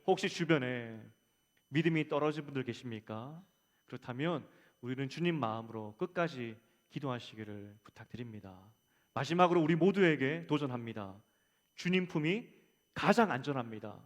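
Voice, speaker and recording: A man preaching a Sunday sermon as pastor, swelling louder on his appeals and dropping soft at the ends of phrases. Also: medium pitch, expressive, normal speed. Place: church sanctuary. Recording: long church reverb.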